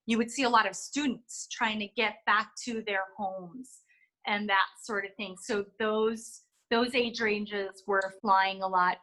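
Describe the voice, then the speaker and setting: Bright-voiced woman, slow and chatty. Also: a little high, poor audio. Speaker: flight attendant being interviewed. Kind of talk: interview answers.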